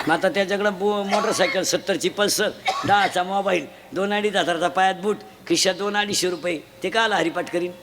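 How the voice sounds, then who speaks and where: High-voiced man preaching over a noisy crowd. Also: steady tone, fairly quick. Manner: shouts questions to children in the crowd, folksy and teasing. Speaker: kirtan preacher. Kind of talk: comic kirtan sermon. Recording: noisy live event ambience.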